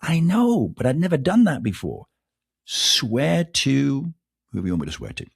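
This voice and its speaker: A middle-aged man, hosting his podcast in a casual, self-mocking monologue. His voice is gravelly and a bit husky, swinging widely in pitch as he fires off rhetorical questions. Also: huge pitch swings, moderate pace. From England. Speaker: podcast host.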